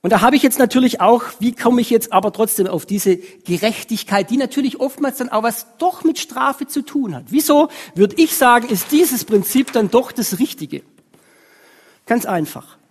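Husky woman preaching. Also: fairly high pitch, animated, normal speed, a little mellow. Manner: conversational, frequent tag questions. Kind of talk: sermon. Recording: long reverb of a hall.

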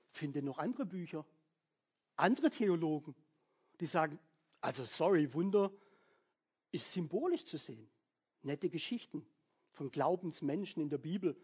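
A man with a high, husky voice delivers a sermon. He talks to his listeners as if chatting with them, keeps tossing in quick "ja?" check-ins, and slips into the inner voices of the people in his stories. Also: darkish tone. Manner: conversational, frequent "ja?" tag questions; acts out people's inner thoughts. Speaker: preacher.

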